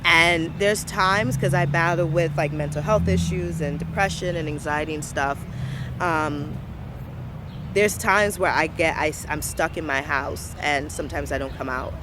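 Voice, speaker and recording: A young local business owner from Brooklyn, New York, gives a personal, reflective interview about her community, speaking earnestly and passionately and repeating words for emphasis. Her voice sits low and moves at a measured pace. Traffic noise fills the street recording.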